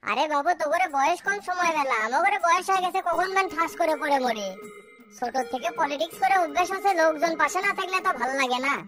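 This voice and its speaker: In a cartoon comedy dialogue, a scheming small-town politico is voiced with a pitched-up delivery that is very high and fast. He blusters boastfully while music plays behind him.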